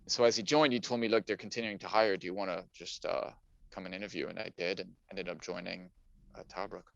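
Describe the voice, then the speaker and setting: A middle-aged native French speaker from Paris, France, a finance professional, appears as a podcast guest giving casual, story-like answers. His deep, gravelly voice is a bit bright, with a steady tone and quick pace. The dry recording sounds dull, muffled and lo-fi.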